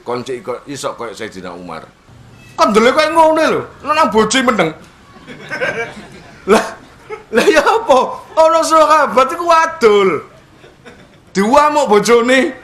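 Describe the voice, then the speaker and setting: Lively preacher, bright voice. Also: male voice, high-pitched. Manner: animated storytelling, acts out characters and laughs often. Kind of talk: humorous religious study talk.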